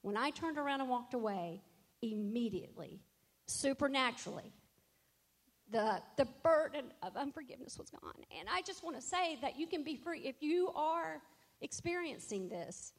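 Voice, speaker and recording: Middle-aged woman, worship leader; earnest testimony, slightly high pitch. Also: expressive, moderate pace. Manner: earnest, reflective storytelling, quoting scripture. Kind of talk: personal testimony.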